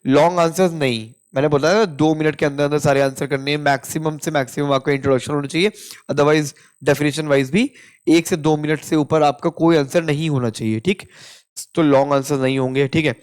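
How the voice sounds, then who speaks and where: A young man with an Indian accent, tutoring in casual mixed Hindi and English, checking in often and reading model answers slowly. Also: a little high, steady tone, clean tone. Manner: explains with frequent "theek hai" check-ins, reads model answers slowly. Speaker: interview prep tutor.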